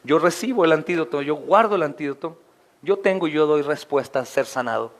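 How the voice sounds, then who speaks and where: A pastor over forty preaches an expository sermon with passion, often calling his listeners brothers and rising into high, emphatic questions. He is animated and speaks fairly quickly.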